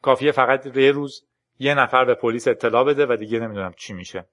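A man reading a storybook's lines for a tense young woman programmer who urges a friend to flee, in an urgent, hurried manner. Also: mid-range voice, fairly bright tone, natural voice. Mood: earnest.

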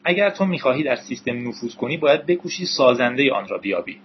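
A man voicing a calm, knowing male programmer with a measured, explanatory delivery, in an audiobook reading. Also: mid-range voice, muffled recording, slight background noise, lightly acted.

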